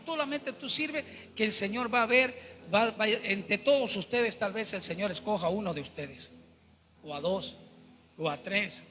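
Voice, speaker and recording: A man's voice: very high voice, sharp tone, big-room sound. A man preaching a Bible study sermon, emphatic and repetitive, often turning to address his listeners as brothers.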